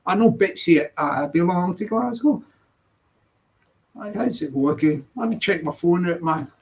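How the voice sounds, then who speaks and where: On a live stream, a man with a high, expressive voice chats casually at a moderate pace, rambling and repeating himself as he reads viewer comments aloud and answers them. The stream audio is dull and lo-fi.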